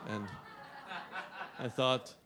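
A middle-aged man from Guyana preaching a sermon as pastor, animated, with frequent restarts and rising emphasis. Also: extremely slow, crowd noise.

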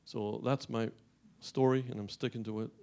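A middle-aged man from Guyana preaching a sermon as pastor, animated, with frequent restarts and rising emphasis. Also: mid-range voice, moderate pace, creaky, smooth.

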